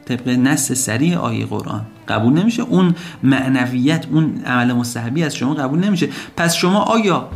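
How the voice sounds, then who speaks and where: A man preaching a sermon, posing rhetorical questions and pressing his points with rising emphasis. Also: mid-range voice. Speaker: religious preacher.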